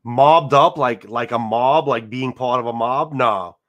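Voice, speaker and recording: Speaking at a measured pace in a mid-range, slightly bright voice, a man with a New York Italian-American accent hosts a casual livestream from his chair at home. He rambles while reading viewer comments, with repeated words and casual swearing.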